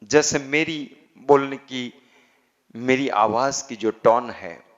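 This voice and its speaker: A man teaching how to chant, speaking deliberately and drawing out chanted syllables. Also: medium pitch. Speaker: yoga teacher. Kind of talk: spiritual instruction on chanting. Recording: slightly dull, lo-fi recording.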